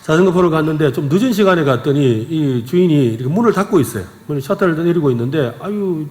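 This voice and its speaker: A man's voice: a little high, lively intonation, fast talker, a little mellow. A male pastor with a Gyeongsang accent, preaching a sermon and telling stories in an earnest way. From Gyeongsang region, South Korea. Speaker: senior pastor. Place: church sanctuary. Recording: echoey church hall.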